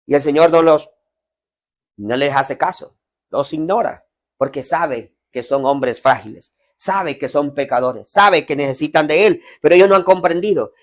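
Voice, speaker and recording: A man preaching an evangelistic sermon in a family home, addressing online listeners, swinging from loud, slow lines down to hushed ones. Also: sits high. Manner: dynamic preaching, swells loud then drops to near whisper.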